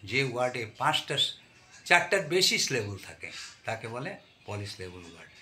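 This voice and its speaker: A man teaching a grammar lesson to students. He spells words out letter by letter, stretches out his examples slowly and asks the class questions. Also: medium pitch, sing-song, sharp tone. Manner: addresses students directly with questions.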